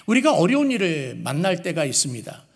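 A man's voice: fairly high pitch, sing-song, fairly quick, gravelly, breathy edge. A man preaching a sermon as a pastor. He asks the listeners questions and answers them himself, and he acts out the voices he quotes. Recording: long hall reverb.

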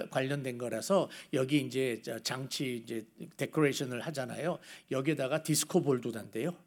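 A middle-aged male pastor giving a sermon in a conversational way, telling anecdotes and asking the congregation rhetorical questions. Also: mid-range voice.

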